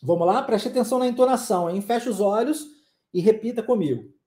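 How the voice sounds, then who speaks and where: Speaking fairly quickly in a high-pitched, dark voice, an English teacher with a Southeastern Brazilian accent leads an online language lesson. The room echoes, and he playfully makes sound effects to demonstrate pronunciation.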